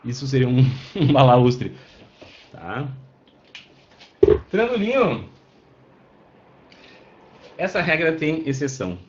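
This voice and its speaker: A man with a mid-range, very animated voice teaches Portuguese online, taking it slowly with long pauses. He breaks things down step by step, regularly checks comprehension and addresses students by name, heard through a roomy, dull lo-fi recording.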